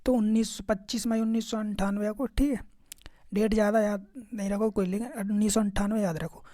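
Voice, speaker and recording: A male exam-prep teacher with a dark, mellow voice that nonetheless sits high gives a casual lesson, brisk and flat in delivery. He keeps checking in with "okay" and "remember this" and quizzes listeners along the way. The sound is close and dry with no room around it.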